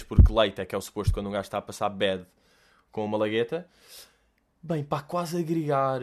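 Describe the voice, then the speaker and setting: Joking young Portuguese man, slangy chat. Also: mid-range voice. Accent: European Portuguese. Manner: animated and joking, with lots of slang and swearing. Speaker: podcast host answering listener questions. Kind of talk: casual solo chat.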